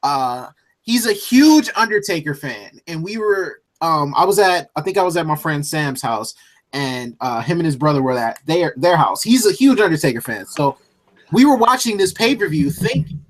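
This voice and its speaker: A man co-hosting a casual podcast chat, telling an animated, jokey story. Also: a little high, moderate pace. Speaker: co-host.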